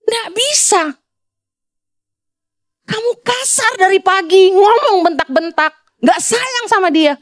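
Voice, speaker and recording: Woman pastor from Indonesia, high and animated voice, blunt conversational sermon. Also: slow pace, pauses often, dry recording, studio quality. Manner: blunt, conversational preaching with scolding asides.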